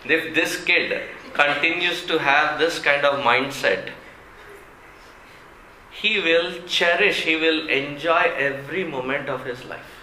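A South Indian man speaks as an animated storyteller in a roomy, echoing space. His voice is fairly high and bright, and he sounds amused, leaving deliberate pauses as he goes. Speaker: speaker telling an anecdote to an audience. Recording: roomy echo, faint background noise.

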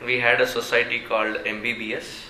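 A man with a South Indian accent telling an anecdote to an audience in an expressive, amused way with deliberate pauses. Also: medium pitch. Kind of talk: animated storytelling talk. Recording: roomy echo, faint background noise.

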